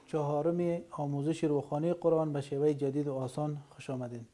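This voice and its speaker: A man teaching Quran reading in a recorded lesson, sounding out letters and syllables slowly one by one. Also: a little high, mellow. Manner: slow, drawn-out syllable drills.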